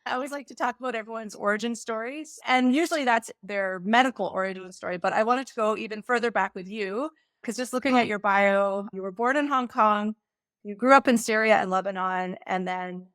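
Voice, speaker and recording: A woman hosting a podcast interview, chatty and lively, thinking aloud with quick restarts. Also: medium pitch, clean tone, dry recording, studio quality. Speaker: podcast host. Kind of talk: casual interview chat.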